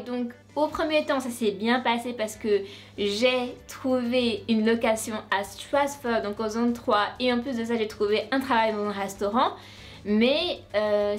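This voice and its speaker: Chatty young Frenchwoman vlogging. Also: a little high. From France. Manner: chatty, many restarts, animated asides. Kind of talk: casual storytelling vlog to camera.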